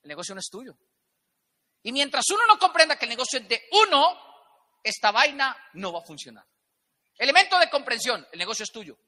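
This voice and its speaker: A man's voice: extremely high pitch, bright, forceful tone. Man preaching business in an echoing hall. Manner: emphatic, rhetorical questions, acts out little dialogues. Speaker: motivational business speaker. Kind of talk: motivational stage talk. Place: large event hall with a live audience. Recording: long hall reverb.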